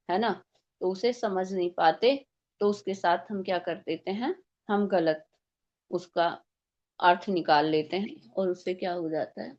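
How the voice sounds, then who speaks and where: A woman's voice: medium pitch, muffled recording. A woman teaching a devotional scripture class, explaining step by step and posing rhetorical questions.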